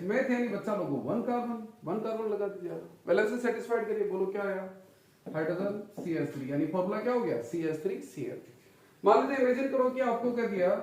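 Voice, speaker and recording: In this classroom lecture, a chemistry teacher with a high-sitting, darkish voice keeps firing repeated questions at his students, addressing them as "children" and "son." The recording is distant and off-mic, with heavy room echo.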